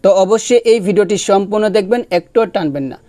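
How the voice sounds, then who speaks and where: A man teaching recitation, spelling out each syllable patiently and drawing the verses out in a slow chant between brisk explanations. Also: high voice, dark tone, no room sound. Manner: patient, repeats syllables for students to follow.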